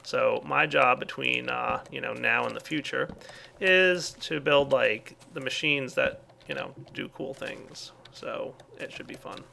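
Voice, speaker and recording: A man's voice: medium pitch, a little slow, vocal fry, sharp tone, a little hiss or hum. A man casually commenting on his game as he plays, thinking aloud with lots of fillers. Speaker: let's play host.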